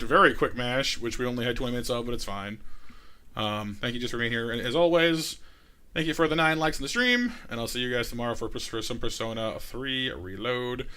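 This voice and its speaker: In casual gaming stream chat, this man is playful and chatty, breaking into silly singing as his voice gets scratchy later in the session. His mid-range voice sounds pushed, bright and smooth at a normal speed.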